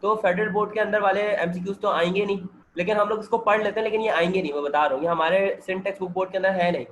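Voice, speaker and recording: A hoarse man, working through chemistry multiple-choice questions with a student on a video call and checking that the student follows. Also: sits high, fairly even intonation, rapid-fire, slight background noise, poor audio. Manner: explains step by step and keeps checking that the student understands. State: hoarse, with a sore throat and cold. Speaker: chemistry teacher. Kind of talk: MCQ-solving lecture over video call.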